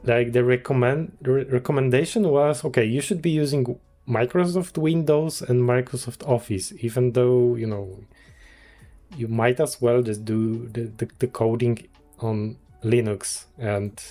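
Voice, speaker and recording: Male developer in his thirties, middle-pitched, talks slowly, halting and thinking aloud on stream. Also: steady tone, mellow, soft background music. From Poland. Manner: hesitant, restarts often, chuckles, thinking aloud. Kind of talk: casual livestream chat.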